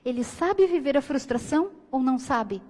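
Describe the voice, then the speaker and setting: High-voiced woman lecturing in a hall. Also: expressive, moderate pace, a little mellow. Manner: earnest, acts out quoted voices. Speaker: spiritist lecturer. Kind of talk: lecture to a spiritist audience. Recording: long hall reverb.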